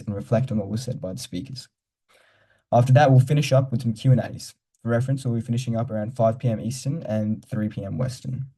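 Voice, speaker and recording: A man's voice: medium pitch, warm tone. A young man hosts an online youth event, reading a formal scripted welcome over a video call. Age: young adult. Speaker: event host.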